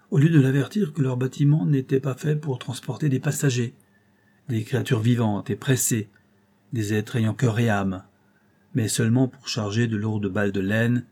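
A man narrating a classic novel with a measured, steady storytelling delivery. His voice is warm and mellow, with a husky, slightly breathy grain. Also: mid-range voice. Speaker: audiobook reader. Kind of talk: reading a novel aloud.

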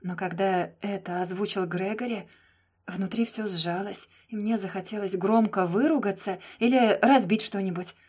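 A young woman narrating a first-person audiobook, soft and subdued, often close to a whisper. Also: medium pitch, moderate pace, husky.

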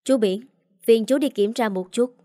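A woman as a calm confident young man. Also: on the high side, normal speed, dry recording, close to an everyday voice. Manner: composed, quiet.

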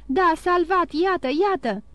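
A woman voicing a young woman who speaks in breathless, excited exclamations. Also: very high-pitched, no echo, lo-fi sound, voice pushed up. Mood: overjoyed.

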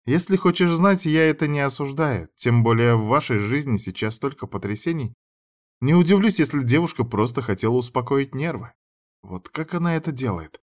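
A man's voice: mid-range voice, expressive, normal speed, voice pushed up, close to an everyday voice. A man voicing a teasing, sly young blonde woman who drawls her mocking lines in a raised voice.

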